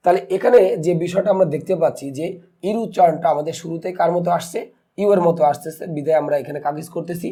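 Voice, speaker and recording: A man teaching an English grammar lesson in Bengali-accented speech, asking questions and answering them himself, and slowly pronouncing example words. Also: on the high side, warm tone, husky. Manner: slow deliberate spelling and pronouncing of words.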